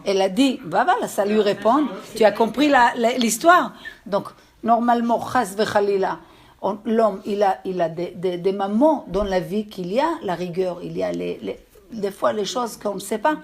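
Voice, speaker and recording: A woman with an accent giving a religious lesson to a group, telling stories in a halting way and often checking that her listeners understood. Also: medium pitch, lively intonation. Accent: speaks with an accent. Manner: storytelling, with halting restarts. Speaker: religious teacher. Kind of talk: lecture to a group.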